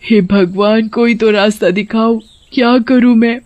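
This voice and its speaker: A woman's voice: a little high, steady tone, unhurried, a little mellow, dull audio, voice pushed up, lightly acted. A woman voicing a cursed witch-hawk mother, pleading and tearful, in a cartoon story.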